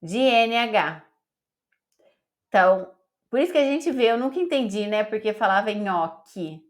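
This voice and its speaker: A woman teaching an online Italian pronunciation lesson, slowly spelling out letters and sounds one by one. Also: medium pitch. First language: Portuguese.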